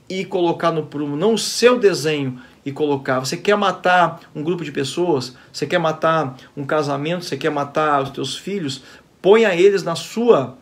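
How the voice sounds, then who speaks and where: A man preaching a Bible lesson in a fairly high voice. He speaks earnestly, calls his listeners beloved, and keeps checking that they follow him with quick rhetorical questions. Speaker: apostle teaching a Bible study. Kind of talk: sermon teaching.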